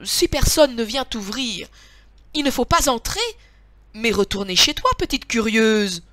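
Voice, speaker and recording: A woman's voice: on the high side, animated, measured pace, fairly bright tone, no room sound. A woman voicing an irritated mother bear in a storybook, talking in an angry, scolding way.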